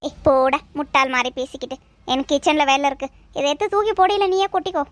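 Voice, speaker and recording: A woman's voice: high voice, fast, dry recording, natural voice. Woman voicing a stubborn cartoon mother. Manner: defiant, whining, scolding. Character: stubborn middle-aged mother who loves sweets. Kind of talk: cartoon voice acting.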